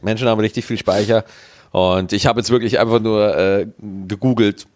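A man's voice: lowish voice, fairly even intonation, normal speed, darkish tone, a little hiss or hum. A man co-hosting a podcast in casual, joking banter, with a speech impediment that keeps him from pronouncing R properly. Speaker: podcast co-host.

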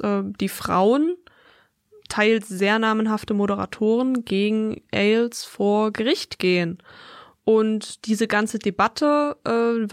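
A woman chatting casually as a film reviewer, summarizing the story in a relaxed way with frequent hesitation sounds. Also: fairly high pitch, no room sound, studio quality.

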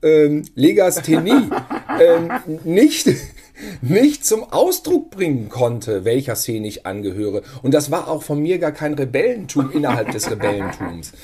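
A man's voice: fairly high pitch, very animated, a little slow, mellow. A man from Germany chatting as a podcast co-host, telling rambling self-mocking anecdotes with hesitant fillers. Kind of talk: casual chat.

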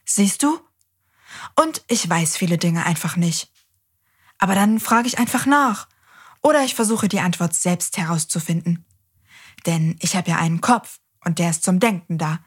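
A woman's voice: lowish voice, normal speed, breathy edge. A woman hosting a children's show who talks to the kids directly in a cheerful, reassuring way.

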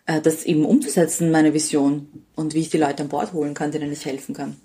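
A woman appearing as a podcast guest, introducing herself in relaxed casual chat and laughing easily. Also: low voice, fast, husky. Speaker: podcast guest, media mentor.

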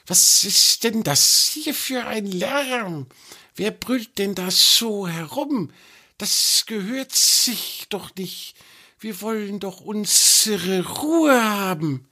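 A man voicing a small, fussy but friendly female cave snake with a hissing, high, slow voice in a children's story. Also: lively intonation, pushed and bright, breathy edge, heavily acted. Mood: annoyed. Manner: slow, drawn-out speech.

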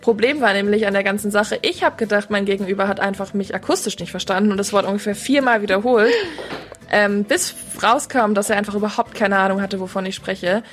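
A young woman, a student, chats casually on a campus radio show. She tells her stories in a relaxed, amused way. Her voice sits at an everyday middle pitch. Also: brisk, faint music behind. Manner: chatty, amused storytelling. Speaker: student co-presenter. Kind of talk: casual chat.

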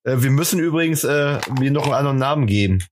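A man's voice: mid-range voice, expressive, fast, slight background noise. Dry mock-offended German man. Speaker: podcast co-host. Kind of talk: casual comedic banter.

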